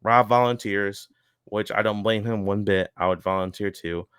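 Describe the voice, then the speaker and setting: Male podcast co-host, casual recap chat, filler-heavy; smooth, low voice, dry. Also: steady tone, normal speed, fairly bright tone, no echo. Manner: rambling, lots of fillers and chuckles.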